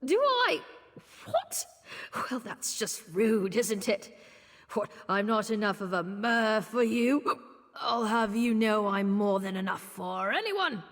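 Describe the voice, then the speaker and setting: Close to an everyday voice at medium pitch, an actress plays a video game's tipsy female elf circus performer, flirty and boastful. She teases in a slow, languid, playful manner over game music with slight hall reverb.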